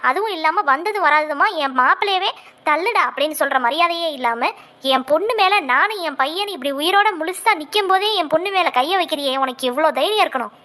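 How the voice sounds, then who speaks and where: Woman voicing a shrill scolding cartoon mother. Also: animated, brisk, bright, forceful tone, exaggerated voice. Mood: angry. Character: fierce protective middle-aged mother scolding. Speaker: mother character. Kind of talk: comic cartoon voice acting.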